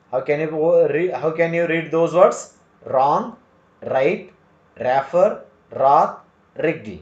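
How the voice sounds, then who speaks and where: Kannada-accented guy teaching english, super slow and careful, bit high voice, echoey dull recording. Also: a little mellow. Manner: slow, deliberate, repeats each word, mixes English and Kannada. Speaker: English tutor. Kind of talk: slow spoken English lesson. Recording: echoey room, dull lo-fi sound.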